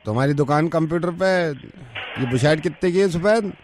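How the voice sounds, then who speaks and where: A man's voice: fairly high pitch, lively intonation, brisk, background noise. A man on a radio prank call, haggling over a price in a casual, chatty way.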